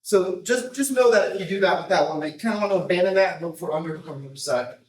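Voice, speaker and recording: A man coaching a jiu-jitsu technique, explaining casually in short, choppy phrases and often checking in with a quick tag question. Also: high voice. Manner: informal, choppy phrases with repeated tag "right?". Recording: roomy echo, distant microphone.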